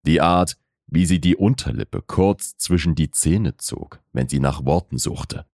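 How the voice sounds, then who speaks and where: Man reading a love story audiobook, super deep voice, slow and measured, dry close sound. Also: darkish tone, no echo. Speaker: audiobook narrator. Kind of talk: scripted narration of a romance novel.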